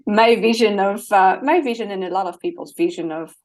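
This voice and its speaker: A woman's voice: medium pitch, brisk, darkish tone. A woman with a French accent, a guest life coach, speaking earnestly and with animation and laughing easily. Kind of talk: interview conversation.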